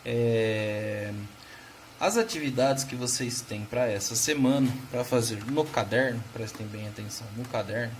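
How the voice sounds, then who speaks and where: Unhurried and medium-pitched, this Brazilian teacher walks students through history in a recorded class, his Brazilian Portuguese accent clear. He's patient, frequently checking they follow, over slight background noise.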